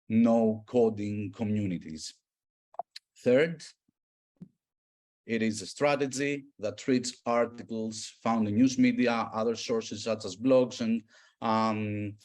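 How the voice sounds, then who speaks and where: A man from Greece, presenting a data tool in an online workshop, explaining step by step with many pauses and fillers. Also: on the low side, a little mellow. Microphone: video call.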